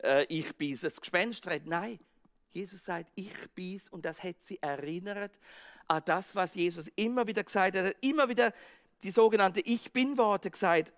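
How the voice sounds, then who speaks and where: A male pastor with a Swiss German accent preaching a sermon, acting out the scene with sudden swings from loud outbursts to hushed words. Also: high-pitched, moderate pace. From Switzerland. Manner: dramatic, acts out the disciples' panic and Jesus' words, swings from loud to hushed.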